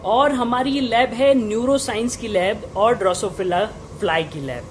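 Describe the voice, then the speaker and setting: Young guy doing a casual lab tour vlog, voice a bit muffled by a mask, equipment humming behind him, drops english tech terms. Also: high-pitched. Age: young adult. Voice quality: slightly muffled by a face mask. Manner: informal, mixes English technical terms into speech. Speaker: vlogger and lab researcher. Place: indoor research lab. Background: running lab equipment and air conditioning hum.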